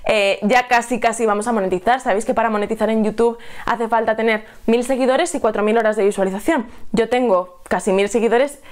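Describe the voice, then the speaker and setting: A woman from leads a singing lesson to camera. Her voice sits a little high, and she explains things in a chatty way, checking in with the viewer as she goes. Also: fairly even intonation, fairly quick, hardly any pauses. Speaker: singing teacher. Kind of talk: tutorial to camera.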